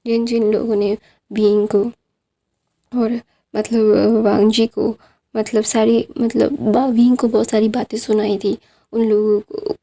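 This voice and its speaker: A woman casually retelling a fanfiction story in a flat, monotone read full of fillers. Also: fairly high pitch, creaky.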